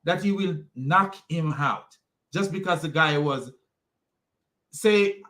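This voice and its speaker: Speaking slowly in a somewhat bright voice on the high side, a Jamaican man rambles and restarts through a mocking online rant. As host of a religious commentary video, he is scornful and keeps repeating insults.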